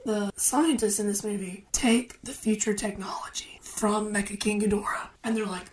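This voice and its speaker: A woman's voice: medium pitch, steady tone, normal speed, distant mic, a little hiss or hum, poor audio. Woman co-host recapping a movie plot. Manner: recaps a plot with playful asides. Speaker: podcast co-host. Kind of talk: casual chat.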